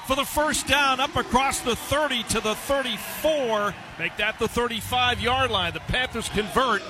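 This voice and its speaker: A man doing live radio football play-by-play, shouting an excited touchdown call. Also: very high voice, normal speed. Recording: stadium noise behind the voice.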